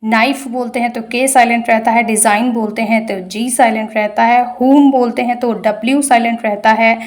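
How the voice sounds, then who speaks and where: A woman's voice: a little high, steady tone, moderate pace. A woman teacher, explaining homework answers step by step and mixing into her Hindi. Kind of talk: homework walkthrough.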